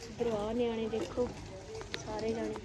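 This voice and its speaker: A woman's voice: on the high side, level tone, moderate pace. A woman with a Punjabi accent casually vlogging among family, chatty and full of questions. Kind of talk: casual vlog chat and commentary. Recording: noisy, echoey home phone-video sound.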